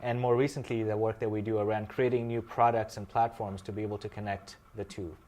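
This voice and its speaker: A man in his thirties from Kenya, a guest in an interview, explaining his work in a measured way with frequent "um" fillers. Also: on the low side, flat delivery, darkish tone. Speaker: interview guest, social finance founder. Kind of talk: conversational interview answers.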